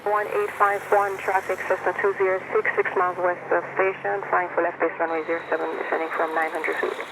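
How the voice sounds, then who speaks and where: A man working as an air traffic controller, giving rapid, clipped instructions over a radio transmission heard through a headset. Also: sits high, little pitch movement, creaky. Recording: lo-fi radio with static hiss.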